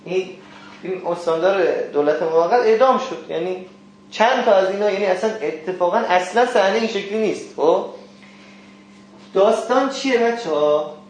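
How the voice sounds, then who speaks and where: A man from Kermanshah giving a classroom lecture, often putting questions to his students. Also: high voice. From Kermanshah, Iran. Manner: questioning, addresses students directly. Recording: very echoey room, faint hiss.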